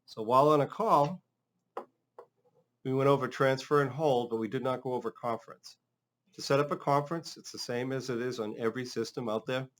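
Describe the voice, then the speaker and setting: A man's voice: medium pitch, fairly even intonation, fairly quick, a little hiss or hum. A man working as a trainer, narrating an instructional demonstration in a casual, step-by-step way. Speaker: phone system trainer.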